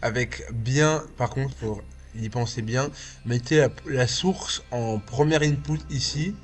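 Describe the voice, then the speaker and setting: Male tutorial host, lightly lisping, informal and slow-paced, talking through steps over music. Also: mid-range voice. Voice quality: slight lisp. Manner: informal, step-by-step, thinking aloud. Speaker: tutorial host, video artist and VJ. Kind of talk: casual software tutorial. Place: small indoor home studio.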